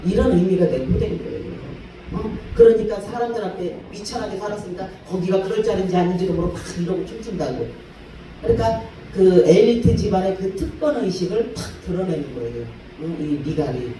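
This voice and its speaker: Casting: revival preacher, mellow tone, lively storyteller, booming hall reverb, mic set back. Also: brisk, slight background noise. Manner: lively storytelling, acts out quotes, laughs often. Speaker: guest revival preacher, pastor. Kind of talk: revival sermon. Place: church sanctuary. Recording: echoey church hall, voice far from mic.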